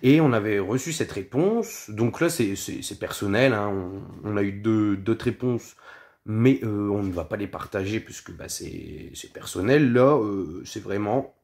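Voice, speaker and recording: A man's voice: lowish voice, unhurried, darkish tone. A man talking casually in a vlog, rambling and scattered, full of hesitations and self-mocking asides, partly reading from notes. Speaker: vlogger.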